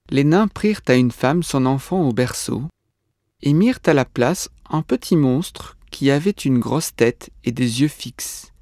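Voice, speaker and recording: A man's voice: mid-range voice, warm tone, no room sound, clean studio sound. Man reading a story for a course. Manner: measured, careful reading. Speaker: reader of a textbook audio text. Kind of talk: scripted narration.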